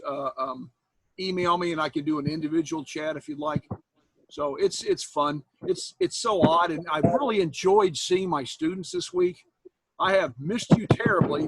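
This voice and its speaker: On a video call from his home, a jokey Iowa instructor in his 60s lingers after an online class to chat casually with students, laughing often in a folksy way. His male voice is husky, higher and fairly bright. The computer mic sound is close, dry and echo-free but low in quality.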